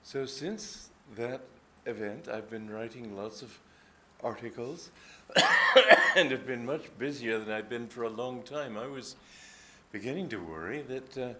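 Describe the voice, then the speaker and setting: In a gathering hall, an older man who teaches spirituality gives a loose, reflective talk full of anecdotes and frequent hesitations. His mid-range voice is expressive and sharp-toned, moving a little slowly.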